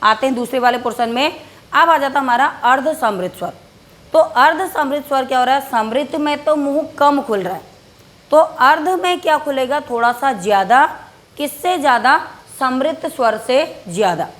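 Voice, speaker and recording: A woman teacher giving a grammar lesson, asking and answering her own questions and slowing down to dictate notes. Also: sits high, fairly bright tone. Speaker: Hindi teacher. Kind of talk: classroom-style grammar lesson.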